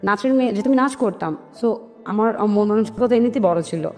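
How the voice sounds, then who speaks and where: Brisk and animated, a medium-pitched woman with a slightly mellow tone and a Bangladeshi accent shares her life story with an interviewer. She speaks with earnest emphasis and acts out remembered lines. Music runs behind her in a recording with long reverb.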